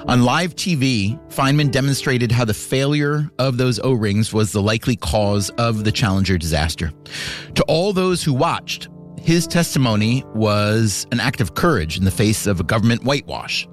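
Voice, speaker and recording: A man narrates a radio show in a smooth radio host delivery, his lines scripted and evenly paced. His voice sits at a middling pitch for a man. Soft music plays faintly underneath. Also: animated, moderate pace.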